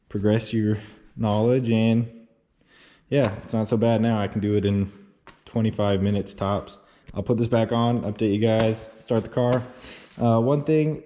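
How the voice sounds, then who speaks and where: Low mellow-voiced man explaining car repair. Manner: relaxed step-by-step explaining, addresses viewers directly. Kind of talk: casual how-to tutorial.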